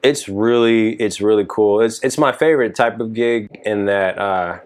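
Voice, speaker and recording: Deep-voiced, laid-back musician from Texas. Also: male voice, moderate pace, smooth. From Dallas, Texas. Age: 30s. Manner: relaxed, rambling, many fillers like "you know". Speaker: touring keyboard musician. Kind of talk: casual podcast chat.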